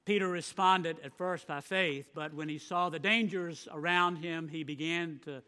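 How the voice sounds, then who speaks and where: A man's voice: on the high side, fairly even intonation, moderate pace, sharp tone, smooth. A man preaching a sermon, emphatic, with swelling volume and frequent repeated words. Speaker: pastor.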